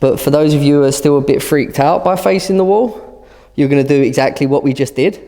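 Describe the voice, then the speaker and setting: A fitness instructor's voice, a little high, gravelly and dark in tone, comes across briskly in a large hall. He's leading handstand conditioning, calling out moves while demonstrating, and sometimes runs short of breath.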